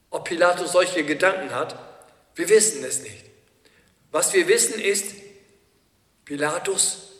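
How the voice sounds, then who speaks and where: A man's voice: fairly high pitch, a bit bright. A man preaching a sermon in an earnest manner, asking many questions. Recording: echoey hall with long reverb.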